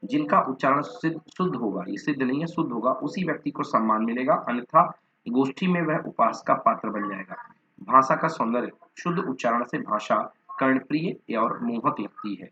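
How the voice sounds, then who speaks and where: Hindi teacher reading out a lecture. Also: male voice, medium pitch, expressive, normal speed, pushed and bright. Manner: lists terms one by one, repeats and corrects himself. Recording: dull lo-fi recording.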